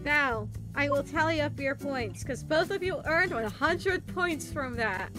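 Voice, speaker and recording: A woman's voice: high voice, animated, measured pace, over music. A woman hosting a game show, chatty, laughing often, announcing questions and scores.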